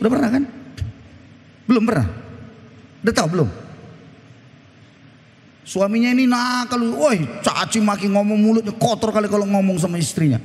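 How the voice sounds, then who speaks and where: Man, pastor, sermon, very high voice, echoey church hall. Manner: animated storytelling, quizzing the congregation.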